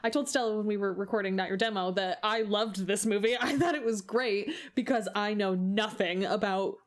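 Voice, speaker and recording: A woman's voice: mid-range voice, moderate pace. A woman co-hosting a casual chat, conversational, often acting out her own reactions as quotes. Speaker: podcast co-host.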